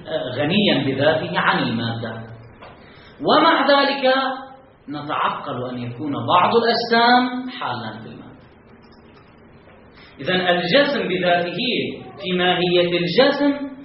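A man with a somewhat high voice gives a classroom lecture and keeps posing questions that he answers himself. He sounds far from the microphone in a very echoey room. The sound is muffled, and faint noise hangs in the background. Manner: reasons aloud with rhetorical questions, stressing key terms. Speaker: teacher of Islamic philosophy. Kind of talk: classroom lecture explaining a text.

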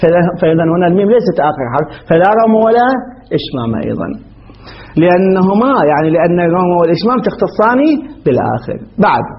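A man teaching a class on Quranic pause rules. He questions his students and answers himself, breaking off and restarting often. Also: high voice, very animated, dull audio.

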